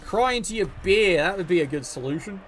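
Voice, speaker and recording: A man's voice: sits high, animated, brisk, slight background noise. A man commentating a video game league match, sarcastic, joking and swearing freely.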